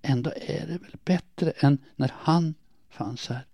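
A man reading a first-person diary aloud in a quiet, measured, somber way. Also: fairly high pitch, creaky, slightly rough, dry recording. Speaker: audiobook narrator.

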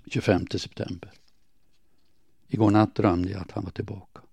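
A man reading a first-person diary aloud in a quiet, measured, somber way. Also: lowish voice, little pitch movement, creaky, breathy edge, dry recording. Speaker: audiobook narrator.

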